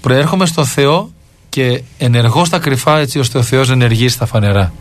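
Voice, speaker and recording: A man recites a scripture passage in a steady, solemn way and then comments on it for a radio Bible discussion. His pitch stays at an ordinary middle level.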